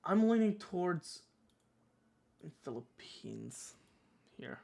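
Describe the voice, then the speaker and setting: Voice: medium pitch, sing-song, takes it slowly, vocal fry, darkish tone. A streamer from Switzerland, chatting casually and thinking aloud while playing, joking and swearing as they guess. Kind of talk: casual gaming stream chat.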